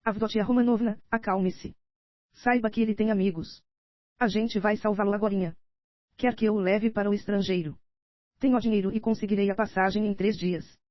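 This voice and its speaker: A woman's voice: mid-range voice, steady tone, a little fast, no echo, lightly acted. A Brazilian woman voicing a scheming older nobleman in an audiobook, read steadily in her own voice, slightly dull and dry. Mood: pleading, insistent. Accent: Brazilian Portuguese.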